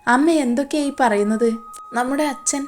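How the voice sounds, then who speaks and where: A woman's voice: sits high, moderate pace, a little hiss or hum, natural voice. A woman voicing a frightened, tearful young woman who speaks in a pleading, upset way.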